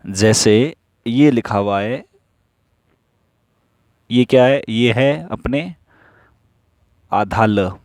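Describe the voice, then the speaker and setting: A man teaching stenography in a slow classroom style, who asks questions and answers them himself while repeating the rules. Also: medium pitch, darkish tone, no echo.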